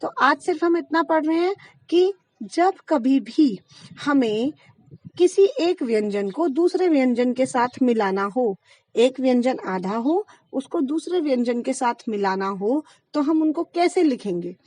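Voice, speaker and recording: A woman teaching a Hindi grammar lesson, who explains slowly, draws out the sounds she teaches and checks in with her students. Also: high-pitched, animated, darkish tone, no room sound. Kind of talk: classroom lesson.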